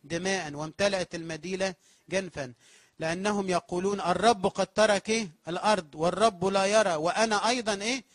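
A man's voice: high voice, quick pace, no room sound, clean studio sound. A man with an Egyptian accent preaching a sermon as pastor in a church, asking the congregation questions and answering them himself. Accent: Egyptian Arabic.

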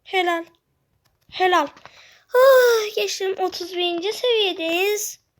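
High-voiced child narrating a game. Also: slow pace. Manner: excitable, talks to self while playing. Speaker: gamer. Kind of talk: gameplay commentary.

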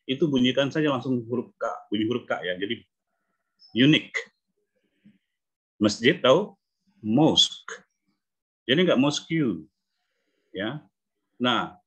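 A man from Indonesia teaching English phonics in an online class, repeating example words and confirming each point with a quick "ya". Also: mid-range voice, fairly bright tone, slightly rough, lo-fi sound. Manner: repetitive, affirming with "ya", demonstrates sounds. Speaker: English coach. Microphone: video call.

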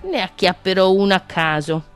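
A woman's voice: medium pitch, animated, moderate pace, clean tone, faint music behind, lightly acted. A woman voicing a hungry, sly fox in a children's storybook reading, with a grumbling manner.

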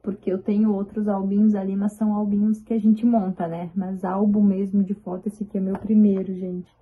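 A woman vlogger chatting excitedly as she shows her photo album, with drawn-out exclamations. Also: mid-range voice, breathy edge. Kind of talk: casual chat showing a photo album. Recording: tinny, phone-like sound.

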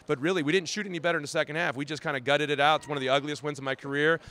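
A male head basketball coach giving quick, analytical postgame answers with frequent "you know" fillers. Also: fairly high pitch, fairly even intonation, bright, forceful tone. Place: outdoors.

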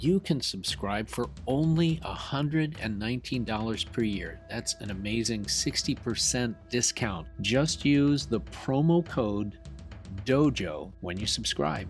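A man reading a scripted, polished promotional voice-over, slowly spelling out a code. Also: mid-range voice. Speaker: announcer. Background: music.

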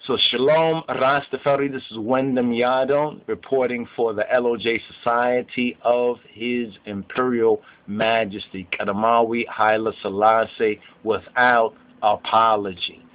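A man's voice: medium pitch, little pitch movement, unhurried, hardly any pauses, narrow, tinny audio. A man teaching scripture in Rastafari speech, repeating phrases emphatically and checking in with his listeners as he goes. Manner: emphatic repetition, checking in with "right?". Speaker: religious teacher.

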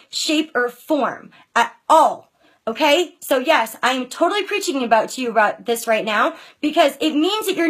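A young woman with a high voice rallies her team as their coach. She preaches with passion, hammering her points home, and keeps checking in with "okay?" and "you guys". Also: a bit bright. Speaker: team coach giving a pep talk. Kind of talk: motivational talk.

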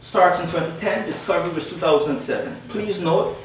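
A young man from Guyana speaks briskly in a slightly high voice while presenting on an academic panel. Emphatic and repetitive on his main points, he frequently asks "all right?" The audio is distant and very echoey, with faint noise, from a lecture room at a panel event.

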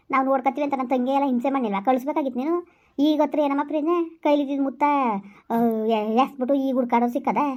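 A woman playing a quick, high-voiced grieving village woman. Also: darkish tone, close to an everyday voice. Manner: lamenting and scolding in rapid rural speech. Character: grieving village woman consoling her family. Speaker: village drama actor. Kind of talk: rural family drama dialogue.

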